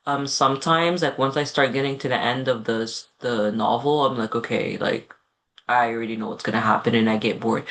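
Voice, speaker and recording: A man chats casually about a novel in a relaxed review video. His talk meanders through fillers, restarts and side thoughts, and he keeps tacking on a quick "okay?" to make sure you follow. His pitch sits at an ordinary middle level for a man. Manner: rambling, filler-heavy, with many asides; ends points with a checking "okay?". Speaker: book vlogger. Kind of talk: casual book review chat.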